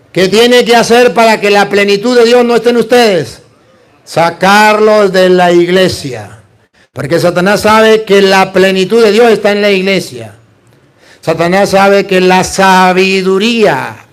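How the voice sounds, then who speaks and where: This is a smooth, high male voice preaching a lively sermon. He drives home points with rhetorical questions and call-and-response, and he slips in playful mini-dialogues that he plays for laughs.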